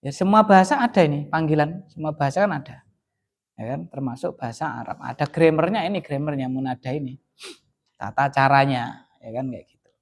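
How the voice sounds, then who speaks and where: A man's voice: on the high side, brisk, vocal fry. A man, teaching Arabic grammar in a casual classroom lesson and answering questions, often adding "ya kan?" to his points. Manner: chatty, often adds "ya kan?" and "kayak gitu".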